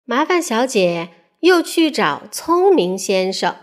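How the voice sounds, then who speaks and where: A mother reading a picture book aloud to children in an expressive, playful way. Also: a little high, takes it slowly. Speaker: mother storyteller.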